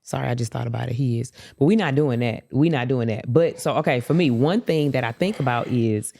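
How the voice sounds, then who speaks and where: A woman co-hosting a casual couples podcast, talking in an animated, laughing way and often slipping into playful quoted voices. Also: very deep voice, a little fast, vocal fry, dry recording. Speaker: podcast co-host.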